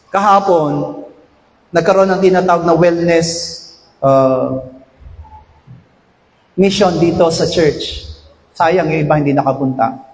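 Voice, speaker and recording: A man, a pastor giving a chatty, storytelling sermon that swings up to loud shouted exhortation. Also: high-pitched. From Philippines. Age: 50s. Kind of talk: conversational sermon. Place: church sanctuary. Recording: echoey church hall, long reverb.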